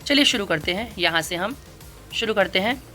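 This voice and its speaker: Bright-voiced woman teaching phonics. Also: medium pitch, lively intonation, moderate pace, soft background music. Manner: explains patiently, repeating each sound several times. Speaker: English teacher. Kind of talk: spoken phonics lesson.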